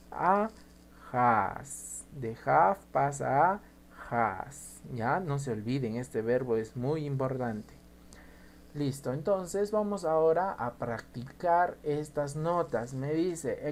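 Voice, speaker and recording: A man teaching an English grammar lesson, slowly spelling out and repeating each example. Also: fairly high pitch, darkish tone, a little hiss or hum.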